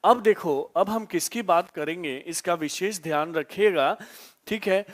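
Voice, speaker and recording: A man teaching a live online grammar lesson, repeating key terms and asking his students questions to answer back. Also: sits high. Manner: repetitive call-and-response questioning; drawn-out slow emphasis on key terms.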